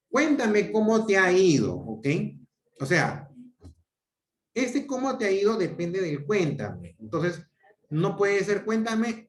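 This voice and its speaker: A man with a Peruvian Spanish accent lectures on grammar over a video call, his pitch rising and falling a lot as he explains. He keeps checking in with short tag questions and restarts his sentences. The sound is echoey, as from a bare room. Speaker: teacher. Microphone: computer mic on a video call.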